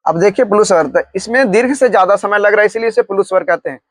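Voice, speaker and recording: A high-pitched male teacher from Bihar explains grammar in a patient classroom manner. He repeats a quick check-in after nearly every line and slows to dictate notes word by word. The sound is dry and close, with no room echo. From Bihar, India.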